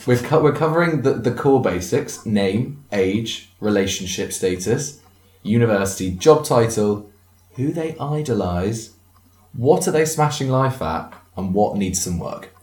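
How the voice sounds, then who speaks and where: A man's voice: mid-range voice, lively intonation, measured pace, a little mellow. A young man in casual conversation, his voice swinging up and down as he teases his co-host. He laughs easily and keeps things playful, and the sound carries the echo of a room. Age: 20s. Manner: playful, teasing, laughs often. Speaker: podcast co-host. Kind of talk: casual chat. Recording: echoey room.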